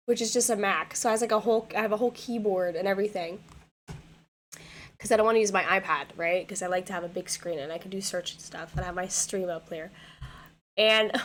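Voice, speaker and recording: In her home gaming room, a young woman talks to her stream audience through a desk mic in a hoarse, worn voice of medium pitch and a bright, forceful tone. The chat is casual and rambling, with repeated words and lots of fillers as her thoughts tumble out.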